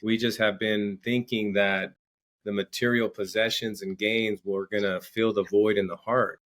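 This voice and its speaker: Fairly low in pitch, a bit bright, with flat delivery and a measured pace, a man explains things as a podcast guest. He works as an entrepreneur and coach and tends to repeat words as he goes.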